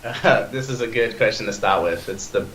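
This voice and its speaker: In casual podcast chat, this eager twenty-something Australian man rambles, restarting sentences and filling gaps with fillers. His voice is lowish and a bit bright at a normal speed, recorded with reverb and slight background noise.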